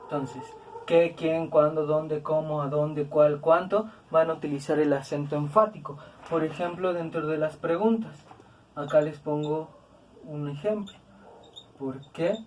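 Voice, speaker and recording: A woman's voice: sits low, unhurried, darkish tone, far from the mic, slight background noise. A woman teaching a grammar lesson, patient and repetitive, with tag questions and fillers. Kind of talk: explanatory lesson.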